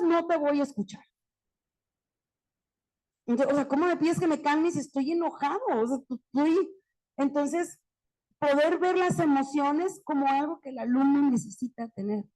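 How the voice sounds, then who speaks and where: A woman's voice: high voice, warm tone, rough recording. A woman leading a workshop for teachers, explaining and asking the audience rhetorical questions.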